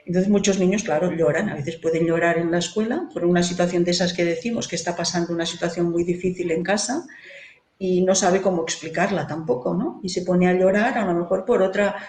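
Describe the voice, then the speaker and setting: A woman's voice: fairly low pitch, brisk, a little mellow. Earnest woman in a roomy echo. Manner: earnest, often tags phrases with "¿no?". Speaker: author and guest on grief in children. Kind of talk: explanatory interview answers. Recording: roomy echo with faint noise.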